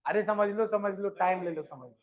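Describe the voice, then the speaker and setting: High-voiced man teaching physics to a class. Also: moderate pace. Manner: asks questions and repeats them, coaxing pupils; addresses students fondly as children. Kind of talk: classroom lecture. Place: classroom with students. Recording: dull lo-fi sound.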